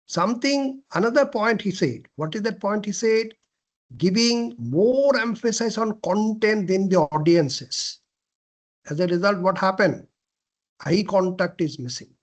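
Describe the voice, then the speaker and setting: Slow, high-voiced man lecturing a class. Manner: asks and answers his own questions; frequent throat clearing and self-corrections. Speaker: lecturer on presentation skills.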